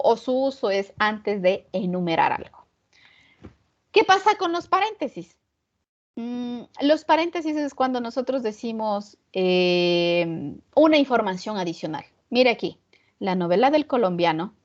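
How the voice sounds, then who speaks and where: Woman teaching, muffled online audio. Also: a little high. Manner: asks students frequent rhetorical check questions. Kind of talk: online class lesson on punctuation.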